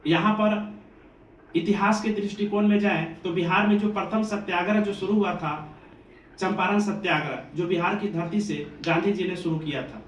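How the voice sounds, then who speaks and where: A man from Bihar gives an earnest, preachy pep talk to students, in a fairly high voice. He is recorded from a distance in an echoey room with a faint ambient hiss behind him. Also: moderate pace. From Bihar, India. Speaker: coaching institute teacher. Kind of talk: motivational address to students.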